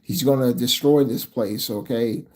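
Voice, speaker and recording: A man preaching a sermon, reading scripture aloud and tagging his points with a repeated "okay?". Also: medium pitch. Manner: repeats "okay?" after each point, reads verses slowly and louder.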